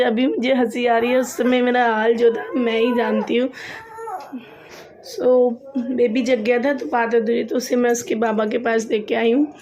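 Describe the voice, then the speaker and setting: A woman's voice: on the high side, darkish tone, muffled recording. A young woman vlogger telling a personal story in a chatty way, often repeating phrases for emphasis. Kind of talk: casual storytelling to camera.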